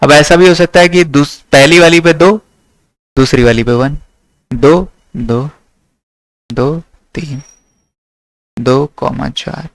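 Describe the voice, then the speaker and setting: A man's voice: on the high side, steady tone, takes it slowly, long pauses, no room sound. A young man from teaching maths to a class, checking often that his students follow. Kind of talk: classroom lecture.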